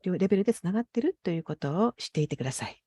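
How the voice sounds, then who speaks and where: A woman interprets a guided meditation in a soft, mellow voice with a dry sound. She phrases things politely and carefully, hesitating as she finds the wording. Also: on the low side, lively intonation, very fast, slightly rough, dry recording. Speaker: consecutive interpreter.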